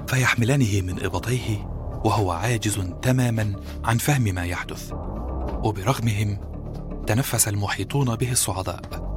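A man giving scripted first-person audiobook narration in a steady, measured way. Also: fairly low pitch.

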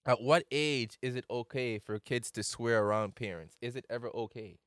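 A man's voice: medium pitch, moderate pace, fairly bright tone, no room sound, studio quality. A man in his late twenties, hosting a loose, rambling casual chat with plenty of slang. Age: late 20s.

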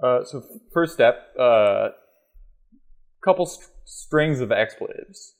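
A man as a guest in a casual talk, relaxed and swearing freely as he talks through practical steps one by one. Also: mid-range voice, slow pace. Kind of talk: casual chat.

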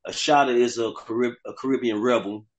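A man from South Florida, a guest artist, talking casually over the phone in a relaxed, hesitant way with many fillers. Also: mid-range voice, a little fast, lo-fi sound.

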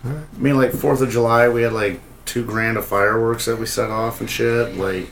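A man's voice: medium pitch, level tone, normal speed, creaky, a bit bright, slight background noise. A man chatting as a podcast guest, laid-back and rambling, swearing freely as he tells stories. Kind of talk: casual podcast chat.

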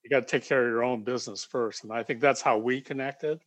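A man from the United States, a guest on a podcast, speaking in a calm, measured and reflective way. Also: medium pitch, no room sound. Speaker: guest, leadership coach. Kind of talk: casual interview chat.

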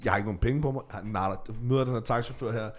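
A young man with a Danish accent, co-hosting a podcast, telling stories in a lively, swearing way and acting out voices. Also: mid-range voice. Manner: animated, swearing, acts out voices in English. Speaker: podcast co-host. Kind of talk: casual storytelling chat.

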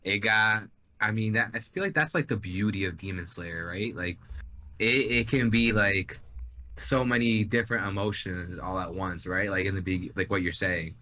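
A man's voice: deep voice, normal speed, sharp tone, a little hiss or hum. A young man talking casually about anime as a co-host, enthusiastic and slangy in a swearing frat-bro way. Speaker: podcast co-host. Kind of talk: casual anime discussion chat.

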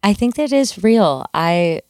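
A woman being interviewed in a living room, relaxed and a little hesitant with fillers. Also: medium pitch, slow, no room sound, clean studio sound. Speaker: interview guest. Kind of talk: casual interview chat.

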